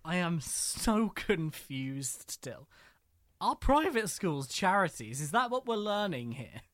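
A woman's voice: lowish voice, very animated, slow pace, no echo, clean studio sound. A woman co-hosting a casual political chat podcast, reacting with jokey disbelief. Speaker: podcast co-host.

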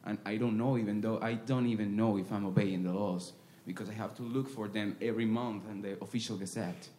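A man from Venezuela asking a question from the audience, speaking hesitantly with many pauses and restarts. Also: lowish voice, fairly even intonation, mellow.

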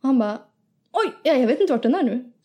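A young woman, hosting a podcast and telling an animated story in casual chat, acting out quotes and laughing often. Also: high-pitched. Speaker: podcast host.

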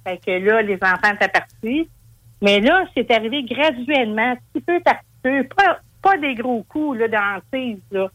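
Québécois woman calling in, somewhat high. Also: lively intonation, moderate pace, a bit bright, dry recording. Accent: Québécois French. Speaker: caller. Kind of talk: phone-in storytelling.

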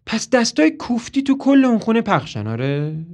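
A man voicing a sharp-tongued young woman who mocks and bickers, often in a hissed whisper. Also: extremely high pitch, wildly swooping pitch, voice pushed up, exaggerated voice. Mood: scolding.

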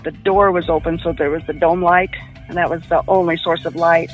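A woman giving personal testimony about an attack she survived, in a quiet, halting way. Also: on the low side, steady tone. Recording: muffled lo-fi with faint music.

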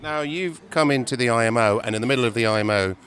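A man's voice: medium pitch, quick pace, a bit bright. A male podcast host asking chatty interview questions, restarting as he frames them. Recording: crowd chatter around the speaker.

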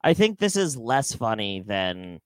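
Animated young man joking on a podcast. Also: fairly low pitch, smooth, no room sound. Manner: animated, jokey, halting with restarts. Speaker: podcast co-host. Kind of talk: casual comedic chat.

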